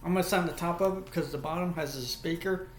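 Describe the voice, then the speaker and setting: A Southern man from Alabama hosts a casual vlog, showing off and explaining an item in a folksy, repetitive way. His voice sits a little high and he talks fast. The room is echoey, with faint noise in the background.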